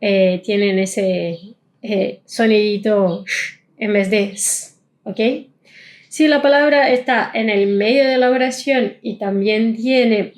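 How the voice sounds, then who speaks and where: Woman teaching, slow careful drills. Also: mid-range voice, fairly even intonation. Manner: repeats sounds slowly, drawn-out vowel drills. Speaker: German teacher. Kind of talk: pronunciation lesson.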